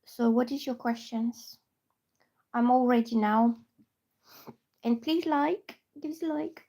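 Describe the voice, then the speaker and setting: Just out of bed, a woman from Bulgaria hosts a tarot livestream on her phone, meandering through casual chat and reading out viewers' names. Her pitch is fairly high, her pace slow, and her tone dark.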